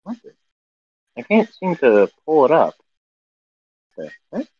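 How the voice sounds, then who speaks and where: A man co-hosting a casual podcast over a video call, reading out news headlines in a halting way full of fillers and self-corrections while his audio breaks up. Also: a little high, wildly swooping pitch, slightly rough. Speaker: podcast co-host. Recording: dull, muffled call audio.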